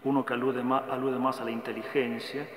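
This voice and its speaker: Friar lecturing in an echoey hall. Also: male voice, medium pitch, level tone, a little fast. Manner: frequent checking "eh?" tags; emphatic recitation of verb lists. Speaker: Dominican friar lecturing on a psalm. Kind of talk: scripture lecture. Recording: echoey hall with faint background noise.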